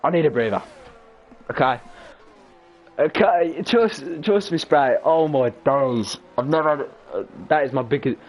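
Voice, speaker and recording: A young man giving excitable, breathless live play-by-play for a sim-racing stream, his voice prone to cracking. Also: a little high, unhurried, a little hiss or hum, low-quality recording. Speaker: race commentator.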